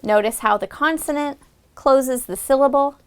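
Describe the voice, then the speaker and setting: A woman teacher explaining a phonics lesson plan and then modeling it, drawing out the vowel sounds slowly and deliberately for students. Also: sits high.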